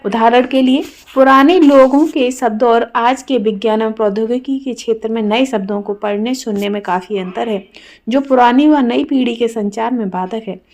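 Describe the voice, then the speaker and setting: A woman's voice: a little high, normal speed, darkish tone. A woman teacher reading a prepared exam answer aloud as a lecture, stressing words in example sentences.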